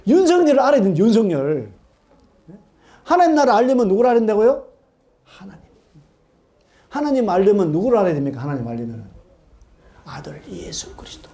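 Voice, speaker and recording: Male pastor, middle-aged, sermon, questions to the congregation, very lively pitch, dark mellow tone. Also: fast talker, pauses often. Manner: animated, asks the congregation questions and acts out quoted voices. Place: church sanctuary.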